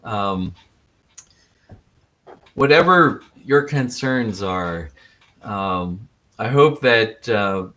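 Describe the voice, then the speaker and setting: A man leading a worship service, speaking gently and unhurriedly with many pauses, his voice still rough from morning. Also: on the low side, animated. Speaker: worship leader. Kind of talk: casual address to a congregation.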